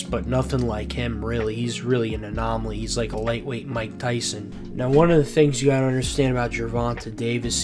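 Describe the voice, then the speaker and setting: Sounding congested from a bad cold, a man hosting his channel narrates a voice-over breakdown of a boxing fight at a medium pitch. His commentary is casual, with slangy asides and sentences he loosely starts over.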